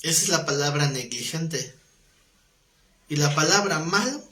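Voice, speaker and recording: A man teaching a live Bible class, animated, breaking into quoted voices. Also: unhurried. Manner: animated, acts out quoted voices with rising pitch. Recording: roomy echo.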